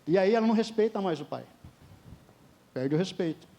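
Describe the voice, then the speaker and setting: A man's voice: high-pitched, animated, fairly quick, dark tone. A middle-aged Brazilian man preaching a sermon at a church service, emphatic, often calling his listeners dear ones. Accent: Brazilian Portuguese. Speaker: pastor.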